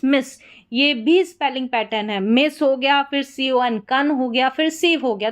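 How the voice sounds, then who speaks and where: Leading a lesson on English spelling and pronunciation, a high-voiced woman spells each word letter by letter, asking questions and then answering them herself.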